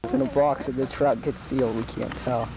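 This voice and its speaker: A man's voice: medium pitch, fairly even intonation, a little fast. A man narrating a home video, chatting about what the camera shows, recorded on an old VHS tape with a built-in camcorder mic outdoors by a car. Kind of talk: casual camcorder commentary. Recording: dull hissy 1980s VHS camcorder tape.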